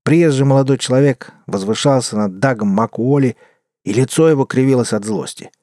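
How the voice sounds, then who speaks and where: A man narrating a story in a measured, wry manner as an audiobook. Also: mid-range voice, warm tone, dry recording, clean studio sound.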